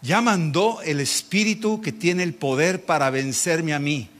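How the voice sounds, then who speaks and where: A middle-aged pastor, preaching a dramatic sermon and acting out mocking voices. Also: male voice, on the high side, unhurried.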